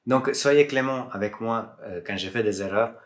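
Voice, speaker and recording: An Italian man, speaking French as a non-native with an Italian accent, chats casually to camera as a tech YouTuber. His voice sits at medium pitch and moves at a normal speed, friendly and joking with some hesitations.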